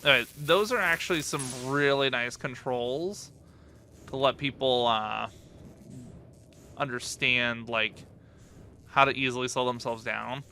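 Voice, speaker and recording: A man's voice: mid-range voice, unhurried, long pauses, sharp tone, a little hiss or hum. A man casually commenting as he plays a video game for the first time, curious and thinking aloud. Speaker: gaming channel host. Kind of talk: casual let's-play commentary.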